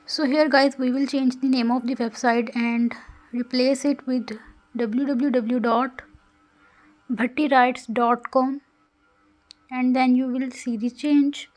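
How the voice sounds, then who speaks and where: A woman's voice: sits high, fairly even intonation, takes it slowly, darkish tone, faint music behind. A woman narrates a coding tutorial in a careful, instructional way, with phrasing. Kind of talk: scripted screen-recorded tutorial narration.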